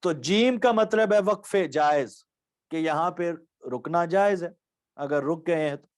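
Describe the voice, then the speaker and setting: Teaching Quranic recitation online, this man from Pakistan has a fairly high voice and a patient style. He goes through each rule again with simple examples, repeating the important points.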